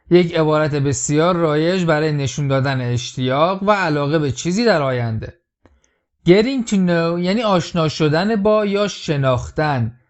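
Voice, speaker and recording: Man slowly explaining English phrases. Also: fairly high pitch, lo-fi sound. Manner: repeats English lines slowly, then explains them. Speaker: English teacher. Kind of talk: explaining film lines in a language lesson.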